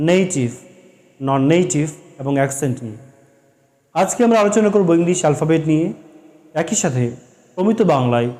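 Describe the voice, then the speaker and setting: Casting: high-pitched male tutor with a Bengali accent, patient, drills letters and sounds one at a time. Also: warm tone. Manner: explains slowly, repeats sounds and letters for practice, mixes English phrases in. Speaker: English pronunciation tutor. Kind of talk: classroom-style lesson.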